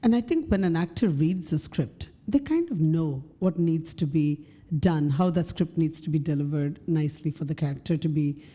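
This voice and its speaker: A woman with a low, very mellow voice co-hosts a podcast. She speaks thoughtfully and often searches for her words. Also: animated, normal speed. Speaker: podcast co-host. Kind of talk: casual conversational chat.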